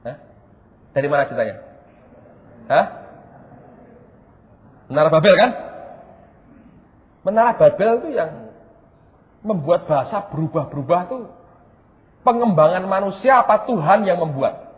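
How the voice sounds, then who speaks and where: A middle-aged male pastor, his fairly high voice leaping wildly in pitch as he tells his story. He jumps from loud exclaims to hushed asides. The sound is thin and phone-like, ringing with a long hall reverb. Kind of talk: sermon with personal storytelling.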